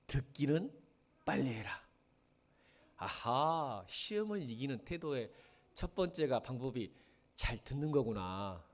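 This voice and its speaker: A middle-aged man preaching a sermon as pastor, asking the congregation questions and swinging from soft asides to loud emphatic lines. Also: medium pitch, unhurried, pauses often. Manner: animated, questions the congregation and answers himself.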